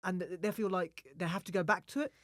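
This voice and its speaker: A man's voice: high-pitched, steady tone, fast talker, no echo, clean studio sound. A man hosting a podcast interview, asking questions casually and nudging the guest on with short encouragements. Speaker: podcast host.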